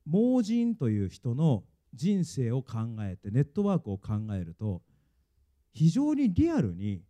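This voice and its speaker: Male pastor, mellow dark voice, earnest sermon, a bit higher than average. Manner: earnest, emphatic preaching, leads congregation in reading.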